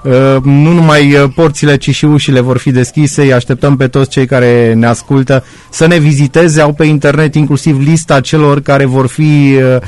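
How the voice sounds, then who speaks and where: A man's voice: mid-range voice, steady tone, hardly any pauses, darkish tone, no echo. A man hosting a radio call-in show, friendly and teasing, with many fillers. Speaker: radio host.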